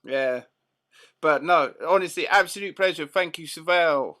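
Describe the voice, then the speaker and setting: A man's voice: a little high, moderate pace, bright, forceful tone. A man hosting an open mic live stream with playful, jokey, teasing banter.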